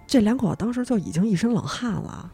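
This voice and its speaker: A young woman narrating a horror story as podcast host, acting out each character's lines with sudden jumps in pitch. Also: a little fast, breathy edge, soft background music. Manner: animated telling, acts out the characters' lines with sharp pitch jumps.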